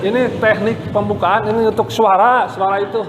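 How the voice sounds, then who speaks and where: A man's voice: sits high, little pitch movement, fairly quick. A man demonstrating public speaking techniques to a class, chatty and coaxing, repeating his phrases. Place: hall. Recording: echoey hall with faint background noise.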